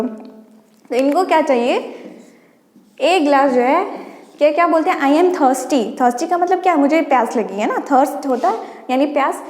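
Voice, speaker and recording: Her voice is high-pitched and mellow as she guides students through a memory trick for exam prep, one step at a time. She frequently prompts them with "dekhiye," and the recording has an echoey room with a long reverb tail.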